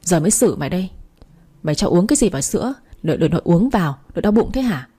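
A cranky old grandmother scolds and grumbles her way through each line, voiced by a woman reading a story aloud. The voice is mellow and warm with a slight husk, and she complains more than she talks. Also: on the low side, very animated, rapid-fire, husky. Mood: scolding. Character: scolding old grandmother, grumpy and quick to blame.

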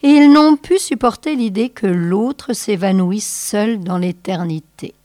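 A woman radio host reading a short story aloud, slow and measured. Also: medium pitch, warm tone, no echo.

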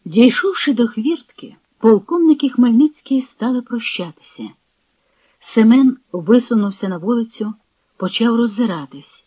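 A steady reader narrates a historical novel at an even, unhurried pace. The voice sits mid-range. The recording is dry and close, with a dull, lo-fi tone. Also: mid-range voice, breathy edge, no echo. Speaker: audiobook reader.

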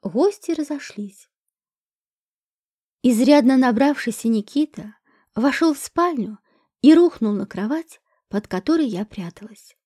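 High-voiced woman reading a story. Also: expressive, measured pace, pauses often, a little mellow, breathy edge, no room sound, studio quality. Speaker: audiobook narrator. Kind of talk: first-person audiobook narration.

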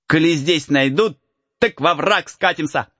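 A man's voice: a little high, measured pace, a bit bright, no room sound, muffled recording, voice pushed up. A man voicing a cheeky runaway boy from the woods who teases and cackles in a raised voice. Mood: teasing. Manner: teasing, cackling, folksy. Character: mocking cheeky forest boy, laughing runaway.

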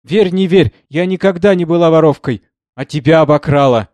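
A man's voice: normal speed, a little mellow, dry recording, close to an everyday voice. A man voicing a bitter, broken young woman who cries out in anguish. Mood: pleading. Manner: shrill, crying out.

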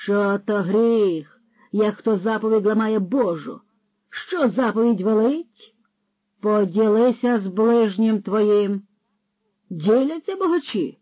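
A narrator voicing a pompous male horse thief who lectures loudly and scatters Latin words, on a dull, dry recording. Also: medium pitch, slow pace, dry recording, voice pushed up. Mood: scolding. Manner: lecturing, scolding, loud.

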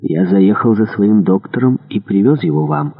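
A man voicing a scheming male churchman who speaks in a smooth, knowing way. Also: fairly low pitch, expressive, moderate pace. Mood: suave. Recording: tinny narrow-band audio.

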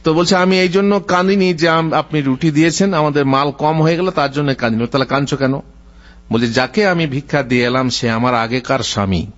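Animated male preacher on dull audio. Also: fairly high pitch, brisk. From Bengal. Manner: animated storytelling, quoting Arabic then explaining. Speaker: Islamic preacher. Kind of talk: sermon.

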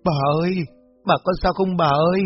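A man doing a shrill, panicked young girl. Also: level tone, a little fast, slightly rough. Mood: tearful. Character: frightened young village girl. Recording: muffled lo-fi with faint music.

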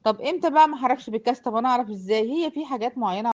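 Egyptian woman teaching a class, high voice, brisk delivery, keeps checking her students follow, dull lo-fi sound. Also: a little mellow. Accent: Egyptian Arabic. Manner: explains step by step and checks often that students follow. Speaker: Quran recitation teacher. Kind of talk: explanatory lesson to a class of girls.

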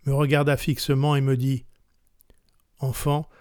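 A man's voice: medium pitch, little pitch movement, measured pace, a little mellow, dry recording, clean studio sound. Man reading literature solemnly. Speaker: narrator.

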